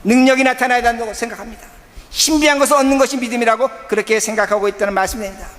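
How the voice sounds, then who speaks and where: A man's voice: very high voice, rapid-fire, fairly bright tone. A man preaching a sermon as pastor of a church, in emphatic, repetitive declarative sentences. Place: church sanctuary. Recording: long hall reverb.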